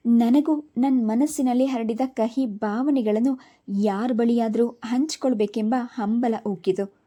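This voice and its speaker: Woman narrating a story in a dark voice. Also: fairly high pitch, steady tone, unhurried.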